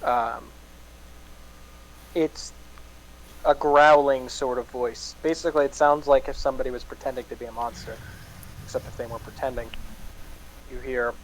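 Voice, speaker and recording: A man's voice: mid-range voice, steady tone, moderate pace, long pauses, slight background noise, poor audio. A man improvising narration as game master of a tabletop game.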